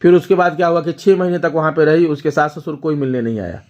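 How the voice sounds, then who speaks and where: A man's voice: a little high, quick pace, a little mellow. Man telling a family story, lo-fi sound. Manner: storytelling, addresses viewers directly with frequent "ठीक है?". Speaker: vlogger. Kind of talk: casual talk to camera.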